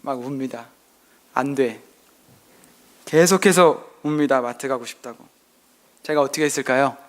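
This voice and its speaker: Delivering a sermon laced with personal stories, a middle-aged pastor plays out conversations with his son, his volume rising and falling. He has a mid-range voice and speaks a little fast.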